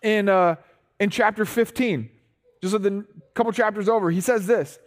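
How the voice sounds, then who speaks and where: A man's voice: sits high, normal speed. A man preaching a sermon in an earnest, conversational way, often restarting words and urging his listeners to listen.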